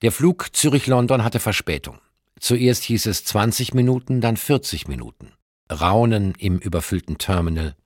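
A man reading a scripted essay in a dry, ironic tone, lifting into lively emphasis when he runs through lists. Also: lowish voice, normal speed, no room sound. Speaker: narrator.

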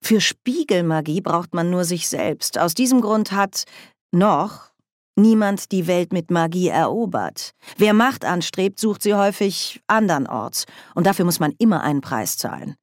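A woman's voice: on the low side, expressive, unhurried, no room sound, studio quality. A woman voicing a proud, scheming sorceress who speaks with cool superiority and false friendliness in a storybook reading. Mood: lecturing.

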